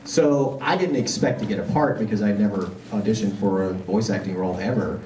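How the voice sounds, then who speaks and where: A man's voice: fairly low pitch, fairly quick, background noise. Man telling stories at a convention panel. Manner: animated anecdotal storytelling, acts out quoted voices. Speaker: convention panel guest voice actor. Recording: roomy hall, recorded from far off.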